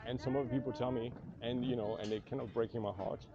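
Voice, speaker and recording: Talking fast in a mid-range, fairly even voice, a Frenchman with a French accent vlogs his walk through an outdoor night market, rambling, joking at his own expense and using many fillers. He records on a 360 camera he carries, so the sound is dull and lo-fi, with loud crowds, street ambience and vehicles behind him.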